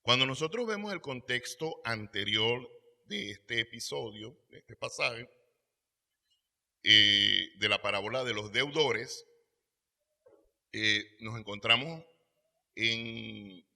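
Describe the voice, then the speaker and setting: A man's voice: medium pitch, unhurried, gravelly, long pauses, pushed and bright. A man preaching a sermon as pastor, reading scripture aloud and swelling his volume for emphasis.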